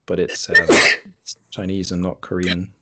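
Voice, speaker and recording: A podcast host talks casually and without a script in a room at home, his low voice monotone and unhurried. He hesitates and corrects himself as he thinks out loud. Heavy background noise fills the recording.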